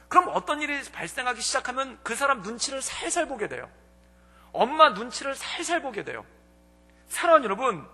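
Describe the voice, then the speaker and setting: High-pitched gravelly male pastor. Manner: animated storyteller, acts out quoted people. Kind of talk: sermon. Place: church sanctuary. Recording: long church reverb.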